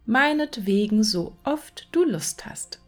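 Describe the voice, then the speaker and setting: A woman's voice: on the high side, expressive, takes it slowly, faint music behind. A woman voicing a cocky male hedgehog who curtly orders his wife around. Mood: bossy. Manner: curt, commanding.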